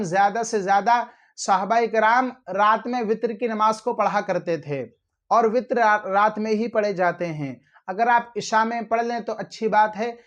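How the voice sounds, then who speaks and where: A man giving religious instruction, explaining recitation slowly and carefully. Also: sits high, dull audio. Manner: slow drawn-out recitation when demonstrating. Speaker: religious teacher.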